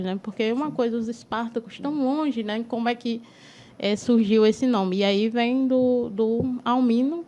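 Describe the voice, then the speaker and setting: A woman's voice: fairly high pitch, darkish tone. A woman northeastern Brazil, a guest on a studio talk show, explaining history at length in a lecturing way and often ending with "né". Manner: lecturing, frequent tag "né".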